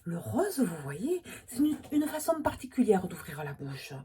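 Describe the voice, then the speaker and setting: A woman's voice: on the low side, very animated, moderate pace, mellow, slight background noise. A woman from Toulouse with a Toulouse accent, talking alone in a humorous, ironic monologue with whispered asides. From Toulouse, France. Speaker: vlogger.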